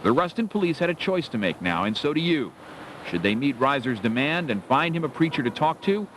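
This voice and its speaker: A man's voice: medium pitch, very animated, fairly quick, a bit bright, slight background noise, poor audio. A man presenting a documentary with dramatic scripted narration.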